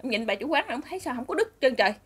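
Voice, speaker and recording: A woman's voice: sits high, big pitch swings, very fast, slightly rough. A woman with a Southern Vietnamese accent telling a story in a chatty way, addressing her listeners directly.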